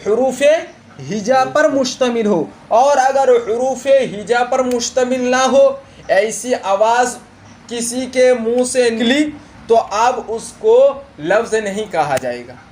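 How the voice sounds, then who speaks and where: Man, teacher, classroom lesson, very high voice, slow and deliberate, quizzes students. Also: slight background noise. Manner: slow, repeats key terms and asks the students questions. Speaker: religious teacher. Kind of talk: classroom lesson on Arabic grammar.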